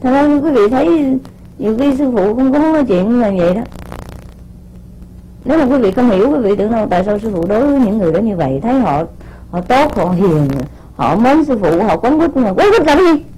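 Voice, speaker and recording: High-voiced woman scolding her disciples. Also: animated, brisk, warm tone, breathy edge, rough recording. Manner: scolding, repeats words while searching, rhetorical questions. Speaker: spiritual teacher addressing disciples. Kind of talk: informal spoken sermon.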